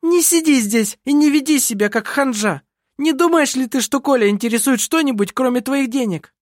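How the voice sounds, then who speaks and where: Reader doing a high shrieking young woman, lively, dry sound. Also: normal speed, no echo. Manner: shrieking, defensive. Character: young woman, hysterical sister. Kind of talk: audiobook character voice.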